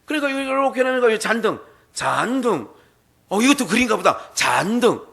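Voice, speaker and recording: A male pastor delivers a sermon in a church and tells a folk tale in an animated way. His voice is high and bright, and he often puts questions to the congregation. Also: a little fast, vocal fry. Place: church sanctuary.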